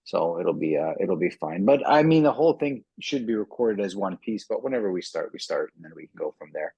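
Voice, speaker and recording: A talkative middle-aged Canadian martial arts instructor chats casually in a video-call interview through an earbud mic, laughing readily and often repeating words. His voice is low, expressive, mellow and husky, and the lo-fi audio has no echo.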